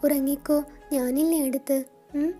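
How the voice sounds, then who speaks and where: Tender young husband, read by a woman, soothing, gentle, mellow tone, high voice. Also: steady tone, normal speed, soft background music, lightly acted. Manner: soft, soothing and affectionate.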